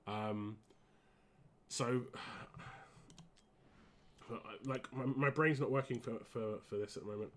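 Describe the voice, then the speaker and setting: A man live-streaming a game in casual, rambling and halting chat, wheezy and short of breath with a cold. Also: mid-range voice, fairly even intonation.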